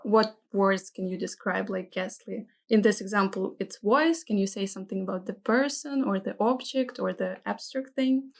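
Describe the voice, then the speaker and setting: A non-native English-speaking woman hosts a vocabulary segment in a gravelly, medium-pitched voice at normal speed, barely pausing. She carefully reads example phrases and asks what they mean, checking meanings with curiosity.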